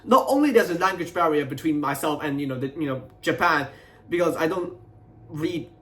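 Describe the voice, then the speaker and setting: A young adult man venting to his viewers in a frustrated, aggrieved, unscripted rant, halting and repeating himself as he rambles. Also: fairly high pitch, lively intonation, fairly bright tone. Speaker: video creator.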